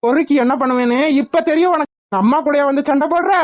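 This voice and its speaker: A woman's voice: high-pitched, fast talker, a little mellow, a little hiss or hum, close to an everyday voice. A woman voicing a pushy, threatening young rowdy man in a cartoon. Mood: menacing. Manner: menacing, bullying.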